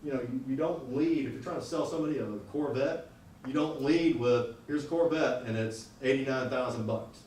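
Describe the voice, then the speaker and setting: A lecturer with a medium-pitched, darkish voice at normal speed teaches salary negotiation bluntly and conversationally, frequently questioning his students. The audio is echoey room sound captured from a distance, with slight background noise.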